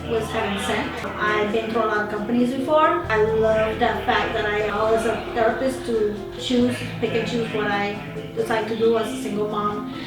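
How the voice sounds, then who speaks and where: A woman therapist speaking warmly and enthusiastically in an interview. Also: medium pitch. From Puerto Rico. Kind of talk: casual interview answers. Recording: echoey room, distant mic, music behind.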